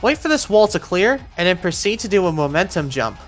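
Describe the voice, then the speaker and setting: Narrating a game walkthrough as a guide for players, a woman gives directive, step-by-step instructions in a lowish, very animated voice. She speaks fairly quickly, with faint music in the background.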